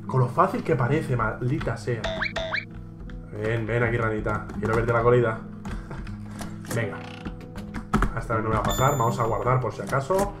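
A man from Spain with a mid-pitched voice talks through a horror game as he plays, reading the on-screen text aloud and cursing whenever it trips him up. He sounds like he is in an echoey room, with the game's music playing clearly behind him. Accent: Spain Spanish. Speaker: let's play gamer. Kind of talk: gameplay commentary.

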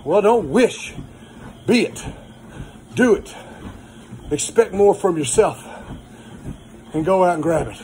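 High-pitched middle-aged man, plainspoken. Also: lively intonation, darkish tone, a little hiss or hum, rough recording. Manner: plainspoken, encouraging, short phrases with pauses. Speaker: personal trainer. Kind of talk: motivational vlog talk while walking on a treadmill. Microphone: phone propped low in front of him.

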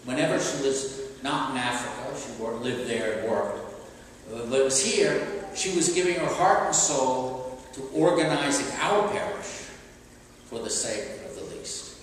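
An older man preaches from a pulpit in a plain, conversational way, pausing on fillers and starting sentences over. His voice sits at an ordinary middle pitch. It reaches a distant camera through the long, echoing reverb of a large church. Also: slight background noise. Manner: conversational, halting with fillers and restarts. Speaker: priest. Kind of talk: sermon. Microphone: stand mic at a pulpit.

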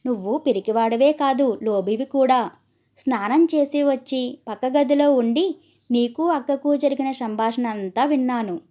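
A woman reading as a clever, outspoken young sister-in-law in a storybook tale, teasing and then lecturing firmly. The voice is high and mellow. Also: normal speed, natural voice. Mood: scolding.

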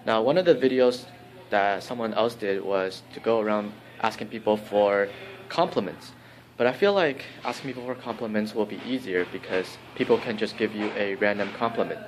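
A young man vlogs casually on a noisy phone recording, holding the camera at arm's length in a campus hallway. His voice is lowish and he talks earnestly at a normal pace.

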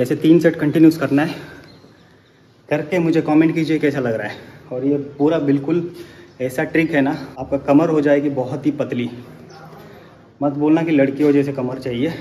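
A man's voice: mid-range voice, warm tone. A man in his thirties from India, chatting casually and coaching through exercises in a fitness vlog, recorded on a phone in an indoor gym. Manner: chatty, coaching, counts breaths during reps. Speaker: fitness vlogger. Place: indoor gym, large echoey room. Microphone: phone camera, often held at arm's length or set on the floor. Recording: echoey gym, voice often far from the phone, gym noise behind.

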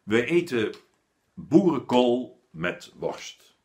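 A man's voice: mid-range voice, very slow, voice pushed up. A man voicing a kind, patient male schoolteacher with a little beard, friendly and teacherly. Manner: lively, friendly teacherly voice that turns stern.

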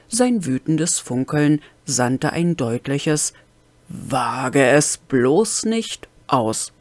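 Female audiobook narrator, unhurried pace, dry close-mic home recording. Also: deep voice, darkish tone, no room sound. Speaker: audiobook reader. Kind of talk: fan-made audiobook narration.

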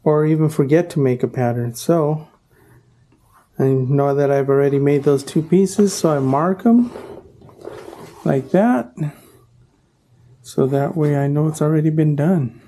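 A man's voice: fairly high pitch, a little slow, long pauses, mellow. A middle-aged man, an upholsterer, explaining his craft in a plain, practical way, with fillers and self-corrections. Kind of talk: casual workshop tutorial. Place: upholstery workshop indoors.

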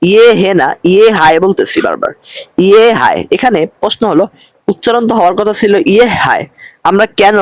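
High-voiced man teaching a patient lesson. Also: no echo. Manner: slow, patient explanation, repeating each phrase with its translation. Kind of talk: recorded lesson.

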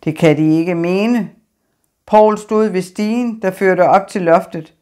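A woman reading an audiobook in an even, measured narration. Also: lowish voice. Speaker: audiobook reader. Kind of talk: scripted narration.

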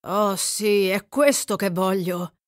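Woman reading a smooth flattering young gambler, slow and gallant, dry close studio sound, storybook. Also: mid-range voice, dry recording, close to an everyday voice.

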